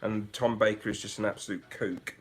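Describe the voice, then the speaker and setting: A man's voice: fairly low pitch, fairly even intonation, brisk. A man hosting a casual livestream, reading out viewer comments and musing aloud in a chatty way, often restarting his sentences. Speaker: livestream host.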